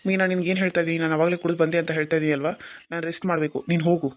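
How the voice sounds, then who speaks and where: A woman's voice: sits low, steady tone, rapid-fire, lightly acted. A woman voicing a curt, impatient young husband in a cartoon serial. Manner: brusque, dismissive.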